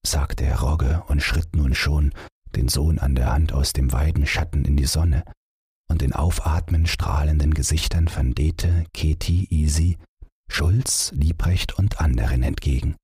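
A man reading a bedtime story aloud in a calm, expressive storytelling manner. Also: very deep voice, unhurried, husky, no echo, clean studio sound. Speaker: audiobook reader.

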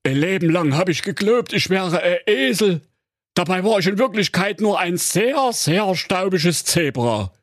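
A man's voice: high voice, expressive, a little slow, no room sound, clean studio sound, pitched above the performer's own voice. A man voicing a male donkey who turns out to be a zebra, bossy and then earnestly preachy.

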